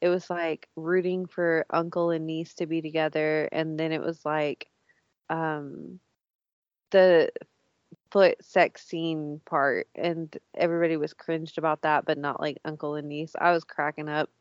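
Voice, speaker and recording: A woman's voice: low voice, level tone, unhurried, clear, resonant tone, dry recording. A woman chatting casually about a TV show, laughing often and swearing, with lots of fillers. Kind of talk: casual chat. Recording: dull, lo-fi dry sound.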